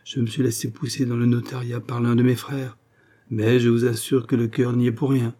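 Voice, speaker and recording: A man's voice: mid-range voice, flat delivery, normal speed, dark tone, lightly acted. A man voicing a shy, naive young clerk who dreams of solitude. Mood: dreamy. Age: young adult.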